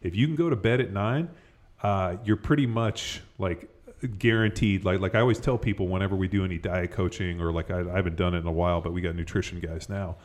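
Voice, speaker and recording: A man's voice: low-pitched, fast. A man hosting a podcast in loose, casual chat, swearing often and rambling with lots of fillers. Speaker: podcast host.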